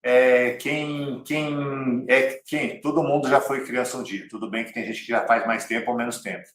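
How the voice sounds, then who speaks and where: A man's voice: medium pitch, fairly even intonation, normal speed, fairly bright tone, slight background noise. A man with a Brazilian Portuguese accent teaching an online cycling lesson, direct and repeating key phrases like a coach. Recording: roomy, slightly distant mic.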